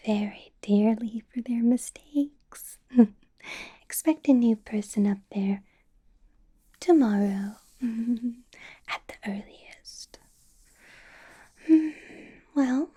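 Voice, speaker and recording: A woman with a fairly high, breathy voice speaks in a soft unvoiced whisper, playing a possessive, menacing female vampire boss in an ASMR roleplay. She sounds sweet on the surface, with a threatening edge underneath.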